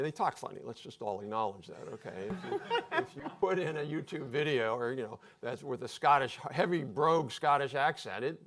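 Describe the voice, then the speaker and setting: A man's voice: mid-range voice, fairly bright tone. A man speaking as a panelist at a live public discussion, explaining points in an offhand, joking way.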